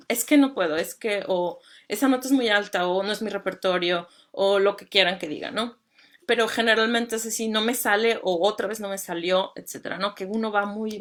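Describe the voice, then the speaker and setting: A woman teaching singing in an online lecture with slides. She talks in a conversational way, full of fillers and tag questions. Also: mid-range voice.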